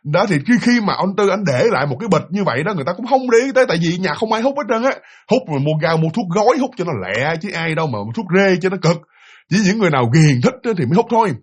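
A man's voice: high-pitched, very animated, very fast, slightly rough. A man telling a ghost story in a chatty way, speaking straight to his listeners. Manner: chatty, addresses listeners directly. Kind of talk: casual spoken ghost story.

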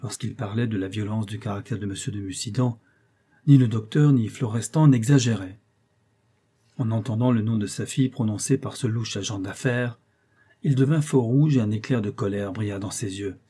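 Mellow, husky male audiobook narrator. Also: on the low side, moderate pace. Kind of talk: scripted narration of a classic novel.

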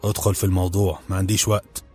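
A man's voice: low voice, little pitch movement, racing, darkish tone, faint music behind, lightly acted. Man voicing a curt, impatient Egyptian ruler. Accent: Egyptian Arabic. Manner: curt, dismissive.

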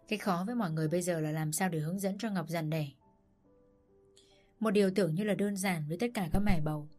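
A woman narrating a novel as an audiobook in a steady, dramatic storytelling manner. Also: lowish voice.

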